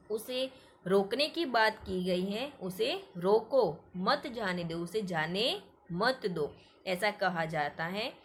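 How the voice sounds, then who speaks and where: A woman's voice: medium pitch, fairly bright tone, slight background noise. A woman teacher, patiently explaining punctuation and reading example sentences aloud. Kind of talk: explaining grammar lesson.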